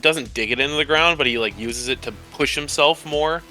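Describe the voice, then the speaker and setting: A man's voice: a little high, fairly quick, bright, forceful tone. A man casually narrating his character's moves as a player in a tabletop game. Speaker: tabletop role-playing player. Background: background music.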